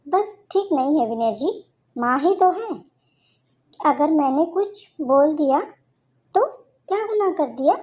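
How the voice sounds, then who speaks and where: A woman playing a sweet, simple-minded young daughter-in-law from a cartoon story, who asks innocent, literal questions in a high, soft, mellow voice. She sounds eager to please and never quite grasps what she is told. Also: lively intonation, unhurried, pauses often. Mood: pleading.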